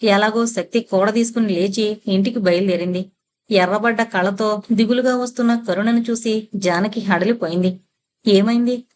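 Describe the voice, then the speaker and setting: Woman, audiobook narrator, audio novel, steady measured reading, mid pitch. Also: slight background noise.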